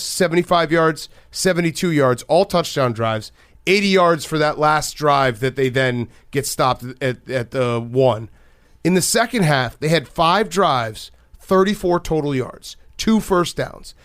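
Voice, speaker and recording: A man in his thirties co-hosting a casual sports podcast, rambling and self-deprecating. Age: 30s. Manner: rambling, self-deprecating, quick jumps in pitch. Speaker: podcast co-host.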